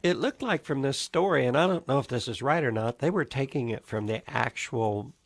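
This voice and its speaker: Stuffy-nosed radio co-host with dry jokes. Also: male voice, mid-range voice, expressive, brisk, dry recording. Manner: dry joking, hesitant with fillers. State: stuffy, with a cold. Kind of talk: casual radio chat.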